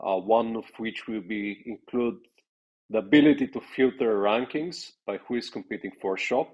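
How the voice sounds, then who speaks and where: A man presenting semi-scripted development updates in a formal, halting way, leaning on the starts of phrases. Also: medium pitch, warm tone, husky, poor audio.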